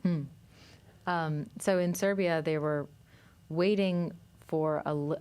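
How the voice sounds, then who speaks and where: Her voice is deep and somewhat dark as she, a filmmaker, talks through her work during a studio interview. She speaks deliberately, pausing often and saying um frequently.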